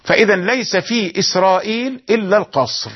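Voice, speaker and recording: A man teaching the rules of Quran recitation, explaining each point and then slowly chanting the example verses. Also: high-pitched, breathy edge, muffled recording. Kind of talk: tajweed lesson with chanted verses.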